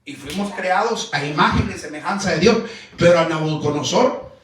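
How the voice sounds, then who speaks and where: A man preaching a sermon as pastor, emphatic, firing rhetorical questions and breaking into shouts. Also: on the high side, moderate pace, slight background noise. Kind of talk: Pentecostal-style sermon. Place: church sanctuary. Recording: very echoey church hall, mic far off.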